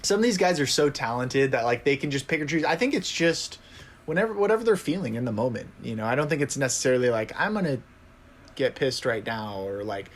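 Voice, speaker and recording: Young man telling animated stories. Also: medium pitch, fast. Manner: animated storyteller, laughs often. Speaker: podcast co-host. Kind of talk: casual chat.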